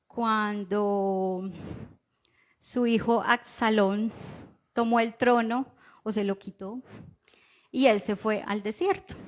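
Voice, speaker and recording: A woman with a Colombian accent preaching a sermon in a conversational way, often checking in with the listeners through quick rhetorical questions. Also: mid-range voice. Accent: Colombian Spanish. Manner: conversational preaching, frequent rhetorical "¿cierto?" tags.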